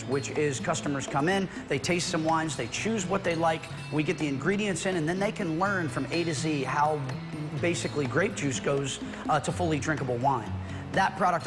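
A middle-aged man, a winemaker, guiding a tasting in a friendly, explanatory way, recorded indoors in a winery on a lapel mic. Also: a little high. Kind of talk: conversational product explanation.

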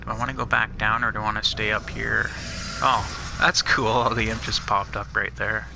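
Gravelly low-voiced man commenting on gameplay. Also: little pitch movement, moderate pace, background noise. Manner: easygoing, muttering reactions to finds. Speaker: gamer playing a custom map. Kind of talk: casual let's-play commentary.

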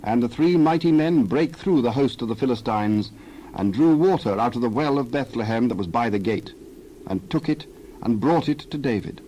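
A male narrator with a medium-pitched voice reads scripture in a measured, formal style. There is faint noise in the recording. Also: dark tone, dull audio.

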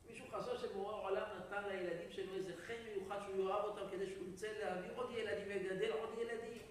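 A man's voice: high-pitched, fairly even intonation, a little hiss or hum. A man giving a sermon as a rabbi, telling stories dramatically with rising emphatic exclamations. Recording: echoey hall, speaker far from the mic.

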